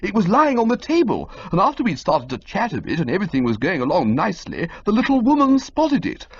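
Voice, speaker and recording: A woman voicing an excitable, flustered young gentleman who rushes out agitated exclamations. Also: medium pitch, husky, voice pushed up, full character voice. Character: flustered young man-about-town, excitable and dramatic. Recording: dull lo-fi recording.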